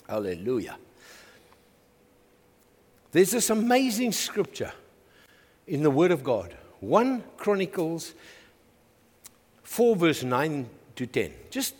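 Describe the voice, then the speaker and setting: A middle-aged man with a South African accent, preaching a lively call-and-response sermon to his church. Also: mid-range voice, slightly rough. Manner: energetic, call-and-response, frequent "Amen". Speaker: pastor. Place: church hall. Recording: long hall reverb.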